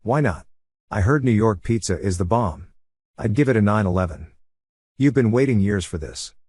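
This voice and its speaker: A man reading online forum comments aloud in an even, matter-of-fact way as the narrator of a compilation. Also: on the low side, moderate pace, slightly rough, no room sound, studio quality.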